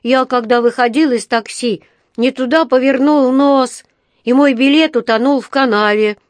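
A woman's voice: high voice, steady tone, moderate pace, dry recording, studio quality, pitched above the performer's own voice, lightly acted. A woman reading a storybook aloud, voicing a small, polite and earnest young male bear in a raised, eager voice. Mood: indignant.

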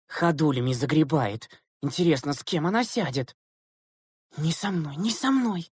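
A woman's voice: low voice, lively intonation, moderate pace, darkish tone, breathy edge, no echo, studio quality, full character voice. A woman voicing a group of mocking, whiny teenage schoolgirls in an audiobook, with a sneering manner. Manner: sneering, whining. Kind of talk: audiobook character reading.

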